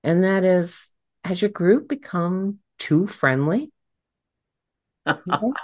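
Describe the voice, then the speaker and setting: A middle-aged woman hosting a podcast interview, animated and fond of acting out the people she quotes. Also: fairly low pitch, slow, dry recording, studio quality. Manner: animated, acts out quoted voices. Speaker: podcast host.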